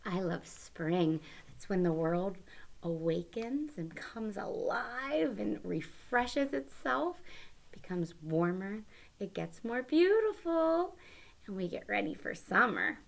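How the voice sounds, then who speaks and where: A woman hosting a children's storytime, reading a picture book aloud in a gentle, animated way with soft whispered asides. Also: medium pitch, slow pace, gravelly. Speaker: children's librarian storytime host.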